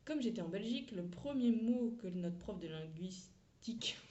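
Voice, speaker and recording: A woman's voice: mid-range voice, expressive, moderate pace, warm tone, dull audio. A woman who teaches English, talking through a lesson in a chatty, frank way with slang and asides. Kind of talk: casual teaching monologue.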